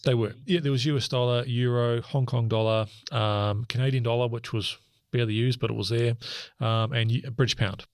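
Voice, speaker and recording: A middle-aged man, recounting events as an interview guest in a halting way, full of restarts and fillers. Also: mid-range voice, fairly even intonation, clear, resonant tone, no room sound.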